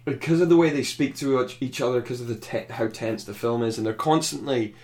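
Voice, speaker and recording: A man's voice: mid-range voice, brisk, darkish tone. A man chatting casually about a film, thoughtful and rambling, often restarting his sentences. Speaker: film reviewer. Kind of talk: casual podcast chat.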